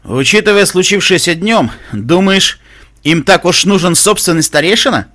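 A man voicing a stern, armored male pony warrior who reasons gravely and deliberately in a storybook reading. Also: sits high, expressive, bright, forceful tone, no room sound, studio quality, voice pushed up. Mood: grim.

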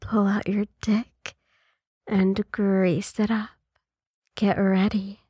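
A woman in an intimate adult ASMR role-play, speaking in a sultry, teasing, breathy way like a seductive narrator. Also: medium pitch, level tone, slow, warm tone, no echo, clean studio sound. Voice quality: husky, breathy.

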